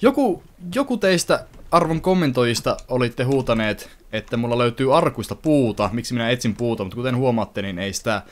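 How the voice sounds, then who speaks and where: A young man hosting a casual let's-play, chatting to viewers as he plays and breaking into excited outbursts. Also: medium pitch. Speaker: gaming channel host.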